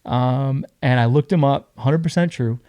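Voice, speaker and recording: A young man tells a story as a podcast guest, lively and full of acted-out quotes. His voice is dark and mellow. The sound is dry, close to the mic. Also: medium pitch, unhurried, no room sound. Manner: animated, acts out other people's lines. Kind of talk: casual storytelling.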